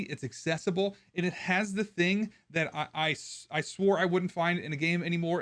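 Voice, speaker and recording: A man who makes gaming videos, ranting to his viewers in a frustrated, rambling way with many restarts, his voice going hoarse. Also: a little high, fairly bright tone. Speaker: gaming content creator. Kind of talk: opinion rant to camera.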